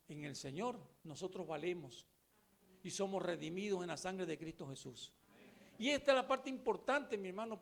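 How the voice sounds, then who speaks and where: Male pastor, high voice, emphatic sermon delivery. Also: gravelly. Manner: emphatic, repetitive preaching with direct address.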